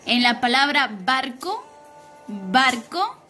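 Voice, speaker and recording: A young woman teaching a recorded primary school lesson, speaking slowly and clearly and asking the children questions. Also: high-pitched, sharp tone, soft background music. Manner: patient, slow and clear, asking the class questions.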